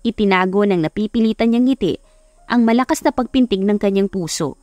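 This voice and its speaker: A woman with a Filipino accent narrates a scripted romance audiobook over background music. Her mid-range voice is a little fast and slightly mellow, and the recording itself is dry.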